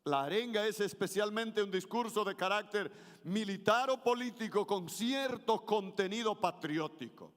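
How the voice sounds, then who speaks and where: High-voiced pastor preaching in a hall. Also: male voice, normal speed. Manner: varies intonation for emphasis, leads congregation in call-and-response. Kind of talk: sermon. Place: church sanctuary. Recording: reverberant church hall.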